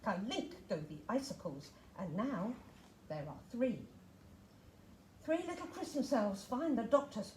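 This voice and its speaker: Woman storytime reader: lively, fairly high, playful, echoey room. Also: measured pace. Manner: expressive, sing-song, playful. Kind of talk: reading picture books aloud. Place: library room. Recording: roomy echo, faint hum.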